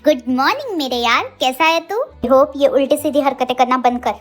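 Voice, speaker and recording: A cocky young man who brags and jokes with his friends, played by a woman narrator. He speaks in a lowered put-on voice over soft music in this audio story. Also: a little fast, close to an everyday voice. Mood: playful. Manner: boastful, joking. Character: cocky young male best friend, playful.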